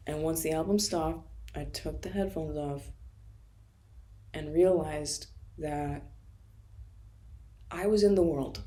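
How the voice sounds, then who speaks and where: A woman's voice: deep voice, dark tone. A woman from Florida telling a rambling, profane, self-mocking story in a casual monologue and laughing often. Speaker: vlogger.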